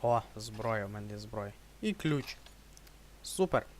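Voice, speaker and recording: A man's voice: lowish voice, animated, measured pace, slight background noise. A young man with a Ukrainian accent giving joking commentary while playing a horror game, yelping when startled. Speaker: let's play gamer.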